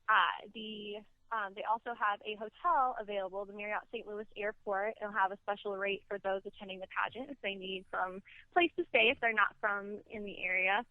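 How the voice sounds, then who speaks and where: A woman's voice: medium pitch, no room sound. A young American woman giving poised, upbeat pageant-style answers in an interview. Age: young adult. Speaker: pageant contestant being interviewed. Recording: narrow radio or telephone-like sound.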